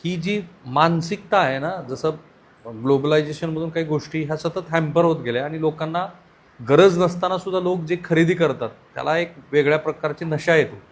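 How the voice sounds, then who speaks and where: A man interviewing a family on site, asking probing questions and giving earnest commentary. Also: fairly high pitch. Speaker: interviewer, vlogger.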